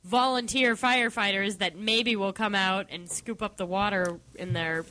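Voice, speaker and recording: A woman's voice: medium pitch, steady tone, moderate pace, sharp tone, slight background noise, low-quality recording. A woman co-hosting a comedy radio show, teasing and sarcastic in casual banter. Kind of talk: casual comedic banter, reading news aloud.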